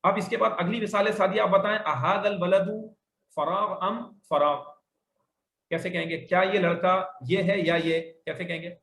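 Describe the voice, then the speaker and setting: Male language teacher, high bright voice, patient corrector, echoey room. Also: fairly even intonation. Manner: patient, repeats sentences slowly and corrects students. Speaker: Arabic teacher. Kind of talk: classroom grammar lecture. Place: classroom with online students.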